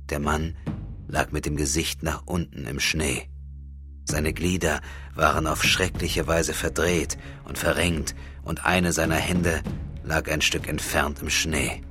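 Man, audiobook narrator, very deep voice, bright tone, measured reading. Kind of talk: scripted fantasy narration. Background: faint music.

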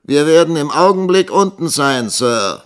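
A man's voice: on the high side, lively intonation, measured pace, clear, resonant tone, pitched above the performer's own voice. A man voicing a polite, restrained young man answering his master. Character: polite hurt young male pupil-teacher.

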